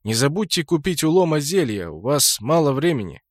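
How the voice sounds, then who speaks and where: A man's voice: on the high side, sing-song, a little fast, no echo, studio quality. A man voicing a tall male outpost guard who speaks in a plain, matter-of-fact way. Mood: gruff. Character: tall grown male outpost guard, suspicious but friendly.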